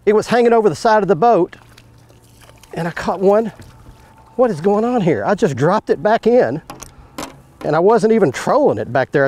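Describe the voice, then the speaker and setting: A middle-aged man hosting a fishing show from a boat on a lake, explaining technique and getting excited when a fish bites. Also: high voice. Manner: explanatory, bursts into excited asides on catches. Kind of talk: on-the-water fishing instruction.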